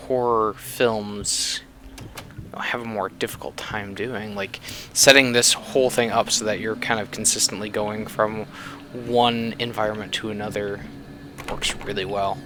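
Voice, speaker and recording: A man giving casual, rambling commentary while playing a horror game, often with fillers and low mutters. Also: steady tone, measured pace, pushed and bright, slight background noise. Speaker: game reviewer. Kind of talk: casual let's-play commentary.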